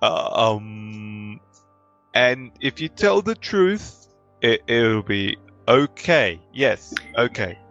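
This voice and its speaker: A man's voice: mid-range voice, sing-song, drawn-out words, fairly bright tone, dull audio, soft background music, heavily acted. A man voicing a bashful young male villager who stammers timidly in a tabletop game. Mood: flustered.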